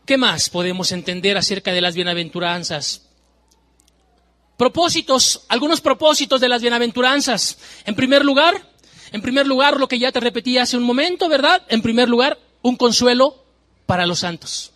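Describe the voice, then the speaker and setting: A man preaching a sermon, emphatic, moving from hushed warnings to loud exclamations and repeating phrases. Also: very high voice, animated, normal speed.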